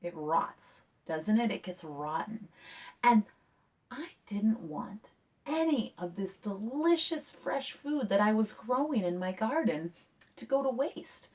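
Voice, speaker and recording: A children's author, a woman, talks and reads a picture book aloud to young listeners, expressive and engaging, as if inviting them along. Her voice is mid-range and slow, and the mic sits at a distance.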